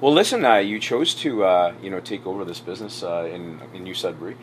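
Casting: Canadian man, forties, fast-talking casual interviewer, low pitch, inside a small shop. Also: a little hiss or hum, rough recording. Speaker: municipal election candidate, interviewer. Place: small convenience store, indoors.

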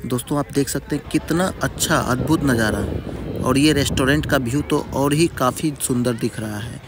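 A man's voice: medium pitch, normal speed, noisy background. A man narrating a casual travel vlog at a riverside picnic spot, talking to viewers like friends. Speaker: travel vlogger.

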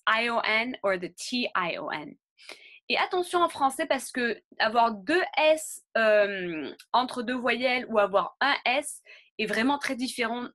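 A woman teaching French pronunciation, saying each model word slowly and carefully, then explaining it again in English. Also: a little high, pushed and bright. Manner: slow, carefully articulated model words. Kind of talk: bilingual pronunciation lesson.

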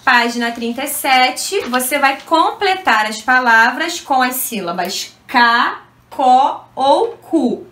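A Brazilian woman teaching a first-grade review lesson, reading words slowly and clearly and speaking affectionately to young children. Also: high-pitched, lively intonation, sharp tone. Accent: Brazilian Portuguese. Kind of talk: slow, clear classroom lesson. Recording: echoey room.

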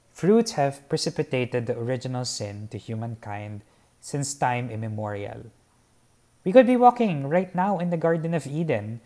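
On a covered patio beside a garden, a young Filipino painter reflects on his artwork for a fixed camera set a short way off. He speaks slowly, earnestly and with formal wording, in a measured, middle-pitched voice that's a little mellow.

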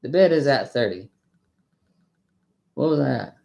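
A woman's voice: extremely low pitch, lively intonation, a little slow, creaky, dark tone. A woman hosting a live coin auction stream, chatting casually and calling out bids with a playful auctioneer patter.

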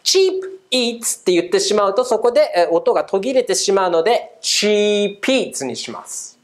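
A woman teaching English pronunciation in a video lesson, upbeat, drilling phrases slowly and mixing Japanese with English. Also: medium pitch, animated.

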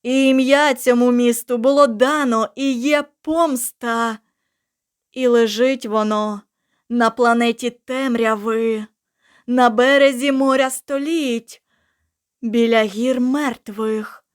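A woman voicing a male captain who has been taken over by an ancient vengeful city, speaking slowly and solemnly in an audiobook. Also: on the high side, fairly even intonation, clear, resonant tone.

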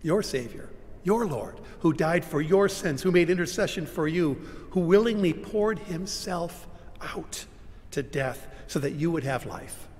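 An older man preaching a sermon from a pulpit, dramatic, moving from loud cries to hushed whispers. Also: fairly high pitch, expressive, unhurried. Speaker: pastor. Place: large church sanctuary, standing at a pulpit. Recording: long church reverb, faint room hum.

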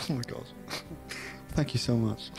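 Over music, a young man from the Netherlands speaks slowly in a creaky, medium-pitched voice. He's streaming a game from a small home room, reading out chat messages and game text, giggling often and keeping things casual, all in British-style English with a Dutch background.

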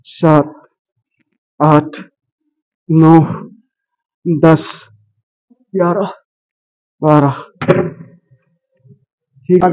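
Slow-talking man gym trainer. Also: a little high, darkish tone, lo-fi sound. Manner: counts reps aloud, addresses viewers as brothers. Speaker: gym trainer and fitness vlogger. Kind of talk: casual workout instruction. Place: large indoor gym. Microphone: lapel.

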